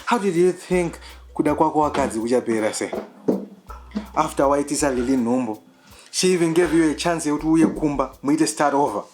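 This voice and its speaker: A man's voice: on the high side, fairly quick, darkish tone, lightly acted. A man with a Zimbabwean accent acting an anguished, self-accusing man going through divorce in a television drama. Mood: bitter reproach. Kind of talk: television drama acting, switching between Shona and English.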